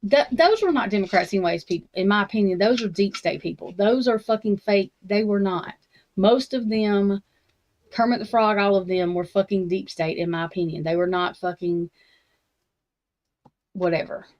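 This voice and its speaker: A woman's voice: medium pitch, normal speed, darkish tone. A woman hosting a true crime talk stream, ranting bluntly and profanely in a casual, rambling way full of restarts and slangy Southern-tinged grammar. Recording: slightly dull, lo-fi sound.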